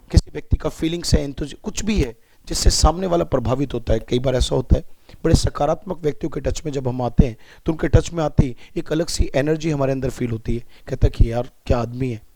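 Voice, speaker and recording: A man's voice: fairly high pitch, a little mellow, dry recording. A man with an Indian accent teaching English vocabulary. He breaks words into parts and asks students to repeat after him. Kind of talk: vocabulary lesson.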